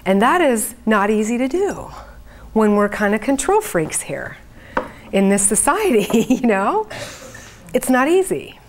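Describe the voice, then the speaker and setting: A woman's voice: a little high, big pitch swings, measured pace, a little hiss or hum. A woman speaking informally to a group as a spiritual channeler, with an earnest, conversational manner. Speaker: trance channeler leading a group event. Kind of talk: informal spoken talk to an audience.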